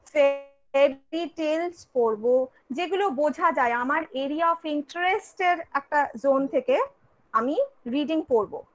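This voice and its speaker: A woman college teacher with a Bengali accent lectures at an unhurried pace, moving back and forth between Bengali and English. Her voice sits high, and she asks her students questions only to answer them herself, like a patient tutor. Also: fairly bright tone, low-quality recording. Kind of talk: online class lecture.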